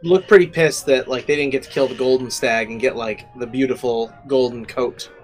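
A man's voice: mid-range voice, moderate pace, faint music behind. Man running a tabletop game. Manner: casual, relaxed, laughs easily. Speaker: game master.

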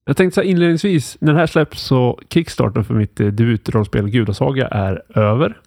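A man hosts a laid-back podcast chat, his voice gravelly with a crackle of fry at the ends of phrases. He talks in an easygoing way, pausing on fillers as he thinks. The recording is close and dry, with no room sound. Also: medium pitch, no room sound. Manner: relaxed, thinks aloud with frequent fillers. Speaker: podcast host. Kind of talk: casual podcast chat about tabletop roleplaying.

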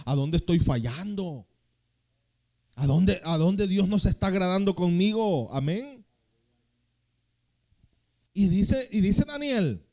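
Man, pastor, young adult, sermon, high voice, loud slow readings, quiet fast asides.

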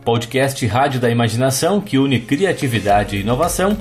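A man's voice: medium pitch, lively intonation, brisk. A man delivering an upbeat, announcer-style podcast outro. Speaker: podcast host. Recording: faint music underneath.

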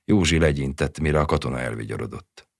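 Male audiobook narrator, steady storytelling; very low pitch, dry. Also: husky, no echo. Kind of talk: scripted narration of a short story.

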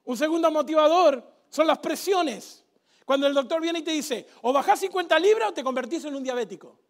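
A man preaching a sermon, animated and sarcastic, leading the congregation in call-and-response. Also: extremely high pitch, a little fast. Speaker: pastor.

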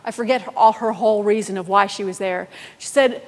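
A woman pastor preaching a sermon, telling a story in a lively storytelling manner. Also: mid-range voice, fairly quick, in a large hall.

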